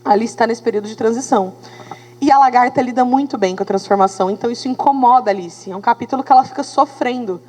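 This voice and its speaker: A Brazilian woman lectures a class of students, animated and engaging, constantly checking whether they follow. Her voice sits fairly high. The sound rings with a long hall reverb. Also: fast. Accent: Brazilian Portuguese. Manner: animated, talks to students with tag questions. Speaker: teacher.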